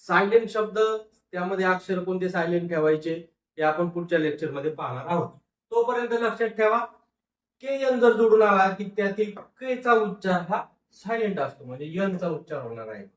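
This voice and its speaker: A man teaches phonics, saying each word slowly and repeating it so the class can read along. His voice sounds distant, picked up in an echoey room. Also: sits high, expressive. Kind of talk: phonics lesson.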